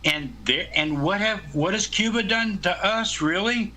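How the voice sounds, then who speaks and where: A man's voice: high-pitched, a little slow, sharp tone, a little hiss or hum, low-quality recording. A man in his seventies chatting casually about politics, rambling and blunt, swearing freely. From United States. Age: 70s.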